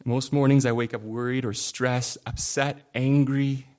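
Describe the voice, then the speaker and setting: Earnest male preacher, mid-pitched. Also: flat delivery, measured pace. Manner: builds from quiet reflection to impassioned emphasis; earnest, confessional. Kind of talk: sermon.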